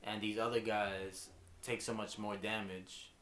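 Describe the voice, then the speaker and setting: A man in casual podcast chat who talks haltingly and sometimes loses his train of thought. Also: fairly low pitch, level tone, fairly bright tone, echoey room.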